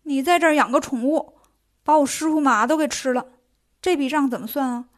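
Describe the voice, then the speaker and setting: A woman voicing a hot-tempered male monkey king who talks loudly and impatiently. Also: sits high, fairly quick, lightly acted. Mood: bickering. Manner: loud, impatient, cheeky shouting.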